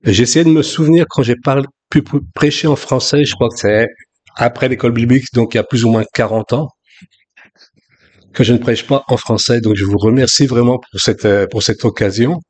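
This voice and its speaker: A French pastor in his sixties preaches a sermon in a relaxed, conversational manner, restarting frequently. His mid-range voice moves a little fast.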